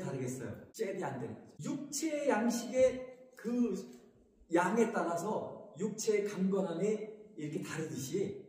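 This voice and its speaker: High, lively male preacher in echoing hall. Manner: animated, asks the congregation questions and answers them. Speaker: pastor. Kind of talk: sermon. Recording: echoey hall from far off.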